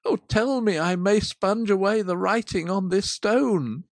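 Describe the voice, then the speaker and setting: A woman voicing a frightened old miser who pleads loudly and urgently, in a dry, close recording. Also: fairly low pitch, lively intonation, unhurried, dry recording. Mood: beseeching. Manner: loud, urgent, beseeching.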